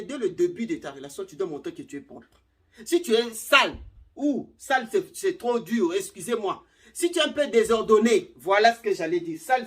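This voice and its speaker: A middle-aged woman giving casual relationship advice to camera, animated, acting out little scenes and repeating words. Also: fairly high pitch.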